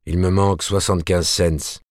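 A man reading aloud and voicing a brash young poet who roughs up editors, speaking in a threatening, commanding way. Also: low-pitched, level tone, moderate pace, a little mellow, no room sound, studio quality, natural voice. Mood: menacing.

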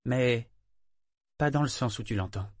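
A man voicing a guarded young woman who speaks quietly in an audiobook. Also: medium pitch, a little slow, dry recording, clean studio sound, natural voice.

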